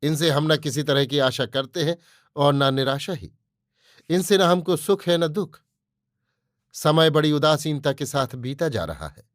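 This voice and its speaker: A man voicing a calm, reasoning young friend. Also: on the high side, a little slow, no echo, studio quality. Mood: reflective.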